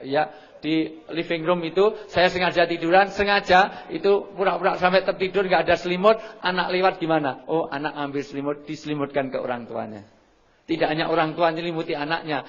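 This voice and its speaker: Middle-aged man lecturing, lively. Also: on the high side. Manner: lively, acts out shouted examples, keeps apologizing politely. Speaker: seminar speaker. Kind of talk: lecture to an audience on parenting. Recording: muffled lo-fi recording.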